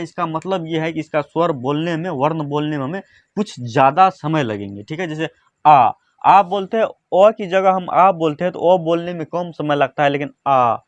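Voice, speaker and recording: A man's voice: fairly high pitch, no echo. A man teaching a grammar lesson, repeating each point and checking in with "theek hai". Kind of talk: classroom-style grammar lesson.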